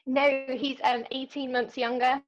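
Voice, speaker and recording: A woman from London, an ultra runner appearing as a podcast guest, chats casually and hesitantly in a casual interview, with lots of ums and restarts, and she laughs easily. Her voice sits high with little pitch movement, her pace is measured, and the sound is lo-fi.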